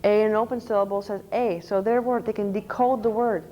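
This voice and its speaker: A woman's voice: medium pitch, fairly even intonation, brisk, warm tone, highs cut off, a little hiss or hum. A woman presenting a conference workshop on teaching reading, explaining step by step and spelling out letters. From Canada. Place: conference session room. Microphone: microphone.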